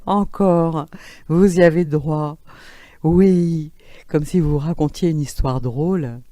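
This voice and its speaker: Slow, mellow-voiced woman coaching. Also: deep voice, dry recording. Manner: gentle coaching, laughs often, encouraging. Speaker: therapist leading a workshop. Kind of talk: guided laughter and vowel exercise.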